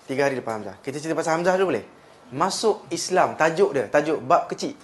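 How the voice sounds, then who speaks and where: A Malaysian man giving a storytelling lesson to a class, his voice pitched fairly high for a man. He mixes Malay and English as he goes and repeats words over and over to drive a point home. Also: lively intonation, fast talker, a little hiss or hum. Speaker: religious lecturer.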